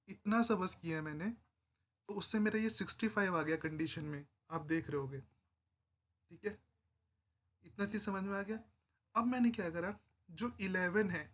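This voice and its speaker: A man's voice: sits high, fairly bright tone. A man giving a casual, conversational Excel tutorial, explaining step by step and often checking in with the viewer. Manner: informal, conversational teaching. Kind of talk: spreadsheet tutorial narration.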